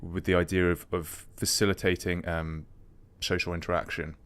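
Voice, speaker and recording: A man hosting a studio podcast, with a low, deep voice. He asks long, rambling questions. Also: level tone, moderate pace, a bit bright, smooth. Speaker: podcast host. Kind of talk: podcast interview.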